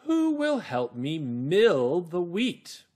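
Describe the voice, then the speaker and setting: A man voicing a determined, hard-working female hen from a storybook, with emphatic, carefully drawn-out words. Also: sits high, wildly swooping pitch, darkish tone, voice pushed up, heavily acted. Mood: asking hopefully.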